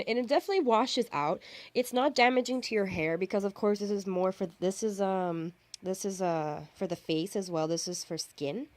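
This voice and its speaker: A woman's voice: on the low side, a little mellow. Chatty woman narrating a makeup tutorial. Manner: chatty, self-correcting, filler-heavy. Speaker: makeup artist. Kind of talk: voice-over narrating a face-paint tutorial. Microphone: camera and phone.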